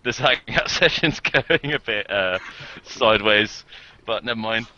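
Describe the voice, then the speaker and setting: Bright-voiced rambling English man on a call. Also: on the low side, a little slow, a little hiss or hum. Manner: rambling, laughing often, many fillers. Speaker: channel host. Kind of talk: casual group video call. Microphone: video call. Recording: dull lo-fi call audio.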